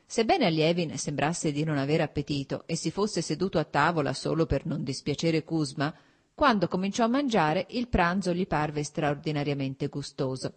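Low-voiced woman narrating an audiobook. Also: slightly rough. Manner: steady, measured reading. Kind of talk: scripted narration.

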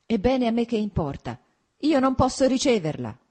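A woman voicing a bitter, betrayed wife who shouts sharply at her husband in an audiobook. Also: medium pitch, lively intonation, normal speed, slightly rough, pitched above the performer's own voice. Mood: furious. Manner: shouting, cutting, anguished.

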